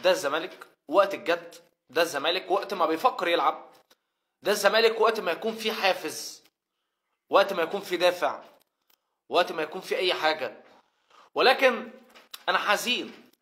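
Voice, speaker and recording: Fast, bright-voiced Egyptian man ranting. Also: high voice. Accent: Egyptian Arabic. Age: middle-aged. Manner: animated, mimics imagined players and fans. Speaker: football fan commentator. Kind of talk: emotional fan video rant.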